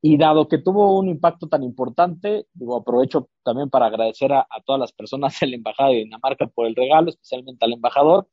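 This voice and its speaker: A podcast host chats casually about books he recommends, sounding hesitant, with frequent fillers and restarts. His mid-range voice moves fast with few pauses, and the audio is dull, with no room sound.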